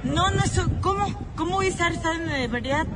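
A woman's voice: extremely high pitch, fast. A woman who sounds drunk and slurred, stumbling over her words as she answers reporters in a busy public building. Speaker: Senate aide in a news clip. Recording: echoey clip with loud crowd and noise.

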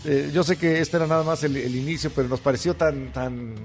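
A man's voice: on the high side, fairly even intonation, brisk, soft background music. A man with a Mexican accent co-hosting a casual comedic chat, easygoing and wry. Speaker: co-host.

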